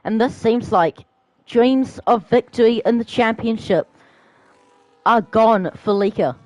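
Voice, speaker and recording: Young man, race commentator, drawn-out delivery, excited calls, close dry recording. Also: high voice, no echo, low-quality recording. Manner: excited, shouting at big moments, then calmer asides. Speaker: sim racing commentator.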